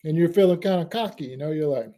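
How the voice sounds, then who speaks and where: A man, hosting a fishing channel and telling a lively fishing story in casual chat. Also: on the high side, quick pace. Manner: animated storyteller, Southern y'all, laughs at own jokes.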